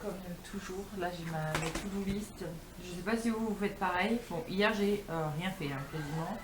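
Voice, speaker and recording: A woman's voice: fairly low pitch, moderate pace. A young woman chatting casually and informally to her viewers, as a vlogger recording at home. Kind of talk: casual chat to camera. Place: indoors at home. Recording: roomy home echo, faint background noise.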